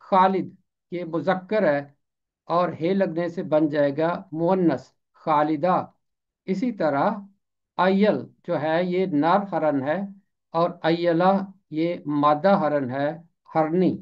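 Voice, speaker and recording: Teaching both pronunciation and meaning, a man with a voice on the high side and fairly even intonation speaks each word with care, repeating it slowly for clarity, on dull-sounding audio.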